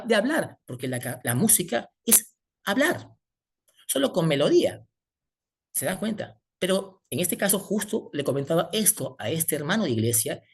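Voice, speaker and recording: Husky-voiced man preaching a sermon. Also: high-pitched. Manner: asks the congregation rhetorical questions.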